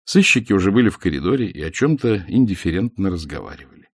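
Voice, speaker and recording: A man narrating an audiobook with expressive storytelling. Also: sits low, fast talker, no room sound, clean studio sound.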